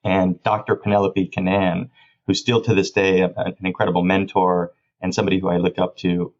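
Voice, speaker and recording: A man's voice: sits low, lo-fi sound. A man from Florida answering interview questions in an enthusiastic, fluent way. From Miami, Florida. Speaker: guest, government official.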